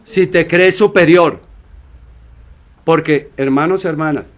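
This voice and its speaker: Male pastor preaching, slightly high voice, takes his time, keeps asking the church questions. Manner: preaching with rhetorical questions, slow and emphatic; acts out short quoted exchanges between church members. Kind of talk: sermon.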